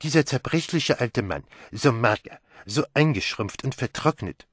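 A man voicing a fussy older male detective who muses slowly and lingers on his words. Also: medium pitch, expressive, husky, voice pushed up. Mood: brooding. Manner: slow, musing, lingering on words.

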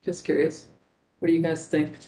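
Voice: mid-range voice, monotone, normal speed, dark tone. A commission member giving blunt opinions and asking questions in a meeting discussion. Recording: echoey room with faint noise.

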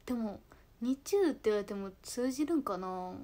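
A young woman from Kochi speaking with a Tosa dialect, chatting casually on a livestream and answering comments in a soft voice that sometimes drops into a whisper. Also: fairly high pitch, animated, moderate pace. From Kochi, Japan. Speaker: idol livestreamer.

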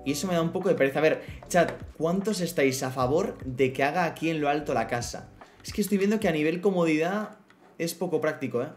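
A man's voice: a little high, expressive, quick pace, faint music behind. A man from streaming a block-building game, chatting playfully with his viewers and talking to his in-game pets. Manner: chatty, playful, talks to his pet horse and the chat. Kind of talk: casual live gameplay chat.

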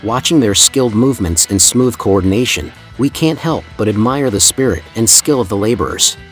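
A man with a lowish, expressive voice reads a scripted documentary voice-over, brisk yet evenly paced, in a formal and admiring way. He narrates as a voice-over rather than from the pictured building site, with soft music in the background.

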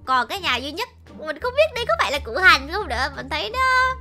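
A young woman narrating a casual video game playthrough in an excited, exclamatory way, often stammering and repeating words. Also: high voice, fast. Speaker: gaming YouTuber. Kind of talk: excited let's-play narration. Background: game music.

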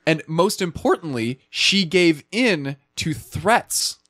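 A man's voice: on the high side, expressive, slow, fairly bright tone, no echo, studio quality. A man co-hosting a podcast, chatting casually through a film review with many fillers and frequent laughs. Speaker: podcast co-host.

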